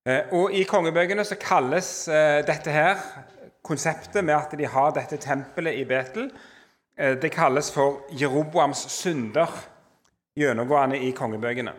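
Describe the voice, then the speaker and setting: A man lecturing on the Old Testament in a measured way, slowing down for emphasis and often pausing with hesitations. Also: on the high side. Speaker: Bible teacher.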